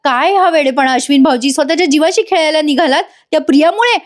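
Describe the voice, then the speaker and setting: A woman's voice: high voice, fast talker, pitched above the performer's own voice, close to an everyday voice. A woman voicing a caring young woman who earnestly coaxes a family member. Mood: pleading. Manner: earnest, coaxing. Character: caring young woman, pleading sister-in-law.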